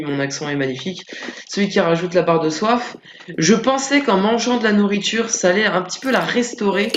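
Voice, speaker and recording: A man's voice: reverberant, background noise. A young man giving rambling, filler-heavy commentary while playing a modded game. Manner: rambling, filler-heavy, panics into high yelps. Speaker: gameplay commentator. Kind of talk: Minecraft let's play commentary.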